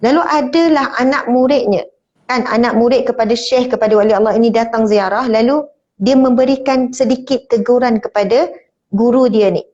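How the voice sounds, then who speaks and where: A woman's voice: on the high side, moderate pace. Earnest Malaysian woman religious teacher. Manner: gentle, earnest, heartfelt. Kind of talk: storytelling on a religious talk show. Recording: muffled lo-fi sound.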